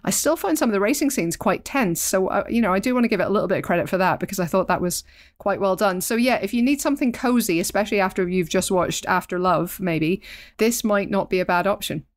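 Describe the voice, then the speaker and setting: A woman's voice: medium pitch, fast talker, no room sound. A woman co-hosting a podcast, chatting easily about a film she reviewed. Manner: easygoing, laughs often. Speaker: podcast co-host. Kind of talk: casual film review chat.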